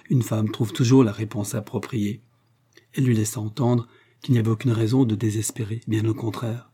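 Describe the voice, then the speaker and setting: A man narrating a classic novel in a calm, measured reading voice. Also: mid-range voice, husky. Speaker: audiobook narrator. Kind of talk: scripted narration.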